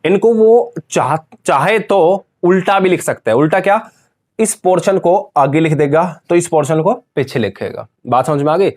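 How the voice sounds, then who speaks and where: A man's voice: a little high, expressive, normal speed, darkish tone. A man giving a grammar lecture to students, repeating key points and calling them dear children. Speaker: grammar teacher. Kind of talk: classroom lecture.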